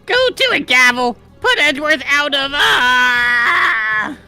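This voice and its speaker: A boastful, dim young male prosecutor played by a woman whines and blusters through a comic game dub. The voice is extremely high, bright and wildly animated, over faint music. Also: slow, heavily acted. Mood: petulant bluster. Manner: blustering, flustered, whiny.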